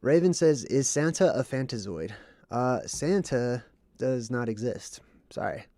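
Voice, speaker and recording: This is a medium-pitched male voice, dark in tone and lively in intonation, at a measured pace, recorded at studio quality with no echo. He's a livestream host explaining and reading chat while a bit under the weather and congested, often saying "okay" or "right."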